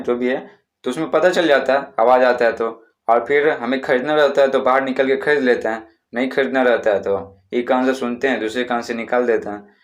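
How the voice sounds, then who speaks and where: A man teaching a school lesson in a conversational way. He keeps asking and answering his own questions and chants street vendor calls slowly. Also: medium pitch.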